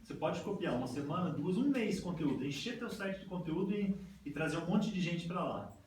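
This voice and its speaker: A man's voice: a little high, animated, brisk, a little mellow. A Brazilian man presents to a group, explaining step by step and often checking in with "tá?". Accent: Brazilian Portuguese. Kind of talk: informal talk with slides. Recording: echoey room, far mic, noisy.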